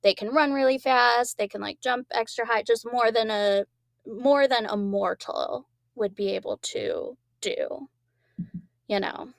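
A woman with a gravelly, fry-laden voice recaps a TV episode for her co-host. She rambles loosely and slips into quoting the characters as she goes. The sound is close and dry. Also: on the high side, unhurried, no room sound. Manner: rambling, quotes characters with laughs. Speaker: podcast co-host. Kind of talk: casual chat, recapping episodes.

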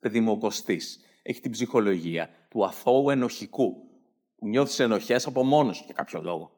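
Sarcastic Greek comedian with a lively voice. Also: male voice, mid-range voice. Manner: sarcastic, mocking, slips into mimicked voices. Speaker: satirical comedian. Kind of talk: satirical stand-up monologue.

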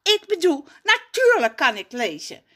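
A woman voicing Raf, an excitable and forgetful young male cousin in a storybook, eager and easily flustered. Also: sits high, pitched above the performer's own voice, heavily acted. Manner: eager, jumpy, quick to fluster. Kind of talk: storybook character voice.

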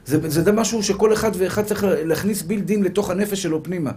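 A man, a rabbi, giving an animated sermon full of rhetorical questions and repeated phrases, his speech a little slurred after tooth extractions. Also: sits high. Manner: animated, acts out little scenes and voices.

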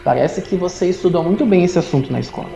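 A woman narrating as game master of a tabletop game, telling the story in a lively way. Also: on the low side, fast, vocal fry, soft background music. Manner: lively storytelling with animated rises. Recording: roomy, dull lo-fi sound.

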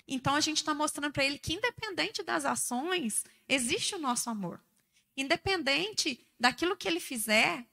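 Bright, high-pitched woman teaching directly. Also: creaky. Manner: direct, emphatic, blunt asides. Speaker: church speaker on parenting. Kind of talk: conversational teaching talk.

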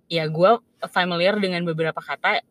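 A woman's voice: fairly low pitch, brisk, no echo. A young woman from Indonesia chatting casually, often agreeing and telling a travel story. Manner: relaxed, agreeable, many affirmations. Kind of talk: casual chat.

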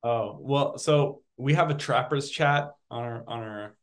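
Man, actor guest, easygoing, mid pitch, casual. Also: measured pace. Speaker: actor and YouTuber. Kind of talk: casual interview chat.

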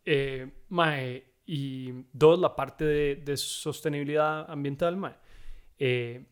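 A man's voice: on the high side, takes it slowly, smooth. Man, Costa Rican accent, thirties, casual guest chat, easygoing storyteller. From Costa Rica. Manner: relaxed, says "mae" constantly, storytelling. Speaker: guest, tequila brand founder.

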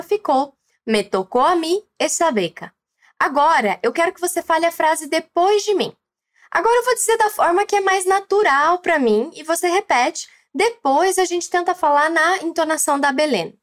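A woman with a Brazilian Portuguese accent hosting a language lesson podcast, encouraging the listener to repeat after her. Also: very high voice. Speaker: Spanish teacher and podcast host.

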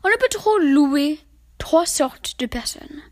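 A woman reciting verse fables in a measured, expressive way. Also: sits high. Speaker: reader.

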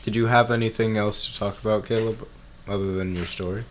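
A man's voice: on the low side, steady tone, fairly quick, a little hiss or hum. A young man co-hosting a casual podcast, talking in slangy, swear-heavy chat and teasing his friends. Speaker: podcast co-host.

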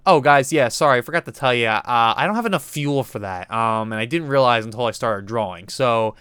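A man's voice: medium pitch, expressive, fairly quick, fairly bright tone, smooth, no echo, studio quality. A young man co-hosting a casual podcast, joking and bantering playfully. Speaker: podcast co-host. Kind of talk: casual chat.

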